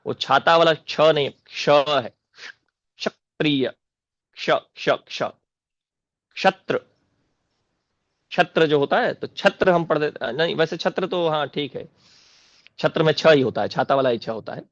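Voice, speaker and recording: A man from North India, a spiritual teacher, gives a deliberate scripture commentary lecture and repeats Sanskrit words aloud as he explains them. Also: fairly high pitch, fairly bright tone, no echo. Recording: dull, dry lo-fi recording.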